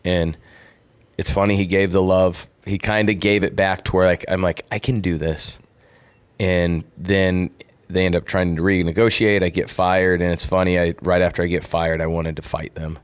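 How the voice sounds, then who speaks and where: A man's voice: deep voice, flat delivery, moderate pace, clean tone. A middle-aged man, a former football player co-hosting a podcast, earnestly telling a personal story in casual chat.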